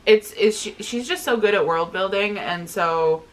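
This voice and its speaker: A woman co-hosting a book discussion, enthusiastic and informal, often halting and repeating herself. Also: mid-range voice. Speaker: co-host of a book review show. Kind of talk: casual book discussion chat.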